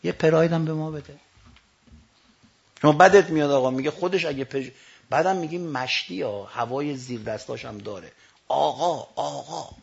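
Gravelly man preaching a sermon. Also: a little high, lo-fi sound. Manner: swings from hushed storytelling to loud declaiming; slow drawn-out recitation of quotations. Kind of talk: sermon storytelling.

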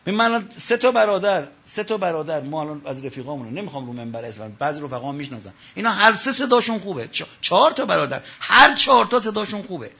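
A man preaching a religious sermon from the pulpit, telling stories and swinging between loud calls and low asides. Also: very animated, creaky, hardly any pauses, husky, highs cut off.

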